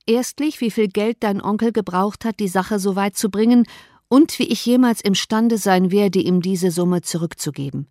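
A woman's voice: medium pitch, normal speed, mellow, no room sound, lightly acted. A woman voicing a dry, rueful older father in an audiobook, wry and resigned. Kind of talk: audiobook reading.

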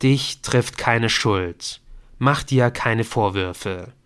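A man voicing a dead father who speaks calmly and gently apologizes in an audiobook. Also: mid-range voice, smooth. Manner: calm, measured, softly repeating apologies.

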